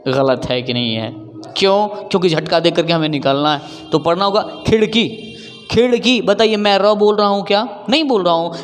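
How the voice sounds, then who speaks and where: High-voiced man drilling pronunciation. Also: big-room sound. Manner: drills by asking and answering his own questions, repeating words; emphatic, scolding wrong pronunciations. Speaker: Hindi pronunciation teacher. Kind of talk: classroom-style lesson.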